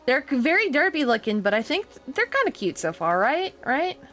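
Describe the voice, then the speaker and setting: A young woman with a bright, slightly high voice, chatting casually on a live art stream. She giggles often and drops into quiet mutters while she draws. Soft music plays faintly behind her. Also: very animated, a little fast.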